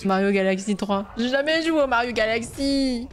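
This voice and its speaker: Animated, exclamatory woman streaming. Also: a little high, normal speed, background noise. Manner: informal, sweary, exclamatory. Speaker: streamer reacting live to a game showcase. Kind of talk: casual live-stream chat and reactions.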